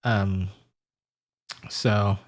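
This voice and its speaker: An adult man with a wife and family hosts a casual live stream, greeting viewers and rambling aloud while he adjusts settings. His voice is lowish and very slow, with little pitch movement.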